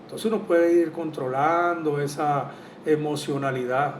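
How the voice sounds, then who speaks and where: A man's voice: steady tone, measured pace. Earnest man in a roomy echo. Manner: earnest and reflective, with frequent "eh" hesitations. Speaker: spiritual therapist. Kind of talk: casual spoken monologue. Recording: roomy echo from a distant mic, faint rumble.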